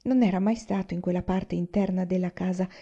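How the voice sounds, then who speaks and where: A woman reading a novel aloud as an audiobook, at a steady, measured pace. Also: lowish voice. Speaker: reader. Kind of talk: audiobook narration. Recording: slightly muffled lo-fi recording.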